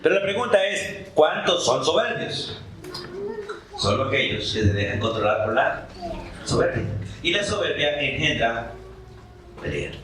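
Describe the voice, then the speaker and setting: A male pastor preaching a sermon, animated, asking the congregation questions and acting out short dialogues. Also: on the high side, measured pace, pauses often, echoey room, a crowd in the background, poor audio. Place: church.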